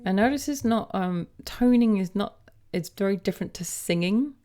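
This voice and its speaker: A woman gently explaining and demonstrating vocal toning, pausing often with ums as she plays back tracks. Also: medium pitch, animated. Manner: gentle, hesitant with frequent ums.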